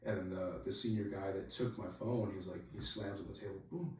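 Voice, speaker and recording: A soldier telling a story on a podcast in a rambling, casual way, leaning on "like" and swearing freely. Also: male voice, low-pitched, flat delivery, fast talker, darkish tone. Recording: very echoey room, voice far from mic.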